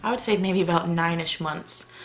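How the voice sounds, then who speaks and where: Young mom rambling to camera late at night, kinda low and gravelly, keeping it quiet. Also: female voice, normal speed. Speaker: parenting vlogger. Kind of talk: casual talk to camera. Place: house at night, family asleep.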